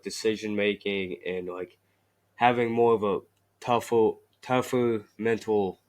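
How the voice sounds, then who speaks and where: Young male vlogger, low-pitched, purposely flat and unentertaining, rambling with restarts. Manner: deliberately monotone, halting with restarts. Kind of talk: casual self-improvement vlog.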